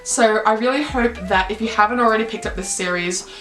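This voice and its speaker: A woman's voice: fairly high pitch, brisk, a bit bright, faint music behind. A young woman reviewing her favourite books in a casual vlog, gushing and enthusiastic, full of fillers. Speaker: book vlogger. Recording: roomy home recording.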